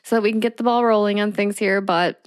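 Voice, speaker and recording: A tired-sounding woman co-hosting a podcast in casual chat, animated and laughing often. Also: medium pitch, fast talker, clean tone, no echo, studio quality. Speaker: podcast co-host.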